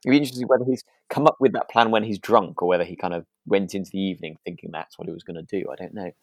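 A podcast co-host with a low-pitched voice talks rapid-fire and casually about a radio drama. He's hesitant, circling back and repeating himself as he thinks. The clean studio recording has no echo.

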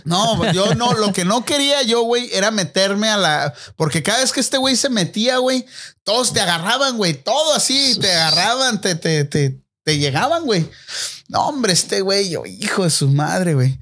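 Young man, Mexican accent, high-pitched, animated storyteller on a casual podcast. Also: normal speed. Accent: Mexican Spanish. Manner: slangy, animated, acts out voices in anecdotes. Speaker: podcast host. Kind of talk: casual storytelling among friends.

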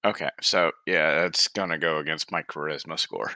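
A man's voice: rumbling low, fairly even intonation, moderate pace, bright, forceful tone, no echo. A man talking casually as a player at a tabletop roleplaying game.

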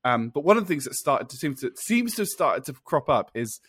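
A man's voice: mid-range voice, very animated, a little fast, a bit bright, husky, no room sound, clean studio sound. A man co-hosting a podcast in casual chat, rambling and laughing often as he explains things. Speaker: podcast co-host.

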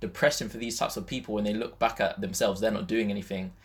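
A British podcast co-host with a London accent speaks fast in a husky, somewhat low voice with a steady tone. He keeps it casual, slangy, and conversational, peppering his speech with "yeah" and "like."

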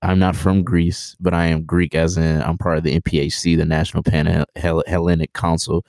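A man in his twenties, a podcast guest, talking in a relaxed, rambling, slangy way with many fillers and restarts. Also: low voice, fairly quick, vocal fry, dry recording, studio quality. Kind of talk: casual interview chat.

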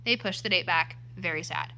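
A woman in her twenties co-hosts a casual podcast chat, rambling, laughing often, and correcting herself as she goes. Her lowish voice is brisk, pushed and bright with vocal fry, and the low-quality recording has her too close to the mic.

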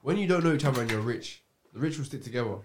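A man with a London roadman accent talks in casual street slang, as on a podcast with friends. His pitch moves around a lot in an animated way. The recording has clear background noise and some clicks. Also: racing.

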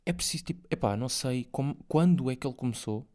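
A man's voice: medium pitch, lively intonation, fast, warm tone. A young man with a European Portuguese accent hosting a casual solo podcast, rambling in slangy, filler-heavy speech with swearing. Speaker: podcast host.

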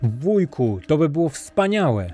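Man voicing a naive, eager young lad, pitched up, storybook reading. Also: very animated, moderate pace, dark tone, lightly acted. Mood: excited. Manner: eager, exclaiming. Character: poor, easygoing young man, a tailor's son.

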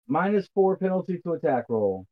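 A man running a tabletop role-playing game as game master, calling rolls in a relaxed, matter-of-fact way. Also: high voice, a little fast, narrow, tinny audio.

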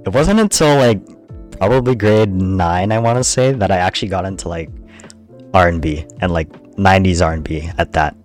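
A young man co-hosts a podcast in relaxed casual chat, chuckling between remarks. His voice is low and even. Soft music sits faintly behind him. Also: moderate pace. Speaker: podcast co-host.

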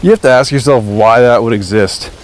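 A man's voice: mid-range voice, brisk, a little hiss or hum. A man co-hosting a podcast, chatting casually while walking outside, dry and profane, laughing often. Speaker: podcast co-host.

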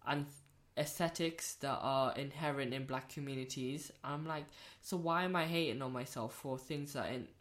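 Candid, animated young woman. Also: very deep voice, moderate pace. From born in Rwanda, raised in South London. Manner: candid and animated, swears freely, repeats phrases for emphasis. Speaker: podcast guest, host's friend. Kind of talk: casual podcast chat.

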